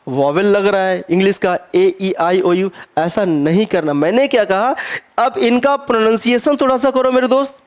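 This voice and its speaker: Man teaching grammar, spelling words slowly. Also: very high-pitched. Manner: asks himself rhetorical questions, mixes English phrases into Hindi. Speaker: English teacher. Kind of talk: exam-prep grammar lesson.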